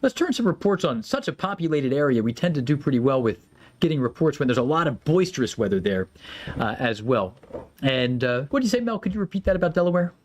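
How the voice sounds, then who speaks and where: Talking fast, a meteorologist narrates severe weather as it happens, in a loose, conversational style full of fillers and animated shifts in pitch.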